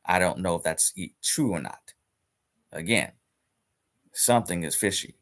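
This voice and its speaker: A man's voice: low voice, measured pace, fairly bright tone. A man streaming live in a casual, rambling rant about a mobile game, repeating himself and restarting his sentences, with hiccups. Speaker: gaming streamer.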